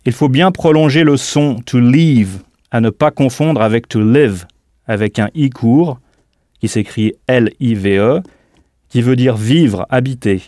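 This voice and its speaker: A man's voice: medium pitch, mellow, no echo, clean studio sound. A man teaching a scripted audio language lesson, carefully modelling pronunciation and spelling words out letter by letter. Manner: models pronunciation slowly and deliberately.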